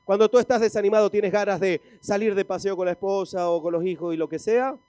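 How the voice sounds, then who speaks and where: Male pastor, Spain Spanish accent, high mellow voice, dry sound, emphatic sermon delivery. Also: fairly even intonation, fast, clean tone, no room sound. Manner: emphatic preaching with questions to the congregation.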